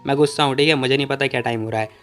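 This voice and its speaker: A man's voice: medium pitch, fairly even intonation, racing, fairly bright tone, clean tone, faint music behind, lightly acted. A man voicing a stubborn, sulking young man who grumbles curtly in a storybook recap. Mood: sulky. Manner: curt, grumbling complaints.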